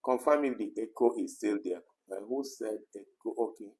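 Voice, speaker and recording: This co-host of an online talk show has a mellow voice on the low side and speaks at a moderate pace. He reads viewer comments aloud during a relaxed live chat, leaning heavily on "you know."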